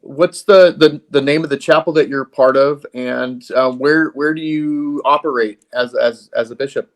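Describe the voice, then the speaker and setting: A man's voice: mid-range voice, normal speed. A man hosting an interview, polite and hesitant, with many fillers and restarts. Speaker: host. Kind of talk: casual interview.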